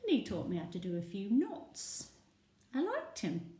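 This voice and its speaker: A woman recounts a comic day out in a chatty, gossipy way, slipping into whispers and little sung bits. Her voice is mellow and soft-edged. She sounds a little way off from the microphone, in a roomy space with echo. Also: medium pitch, wildly swooping pitch, a little slow, distant mic. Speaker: storyteller. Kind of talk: first-person comic monologue.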